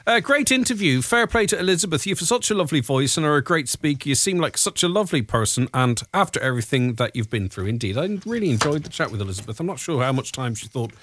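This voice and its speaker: A man's voice: fairly high pitch, big pitch swings, fast, few pauses, a bit bright, a little hiss or hum. A man with an Irish accent from Donegal hosts a radio show in a casual, rambling way, chatting to listeners. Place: dry radio studio.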